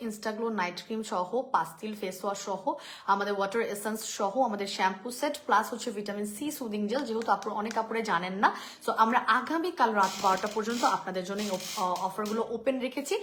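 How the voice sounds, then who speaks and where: A woman's voice: mid-range voice, quick pace, a bit bright. A young woman hosting a live shopping stream on her phone, chatting through skincare prices and answering viewers. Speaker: online skincare seller.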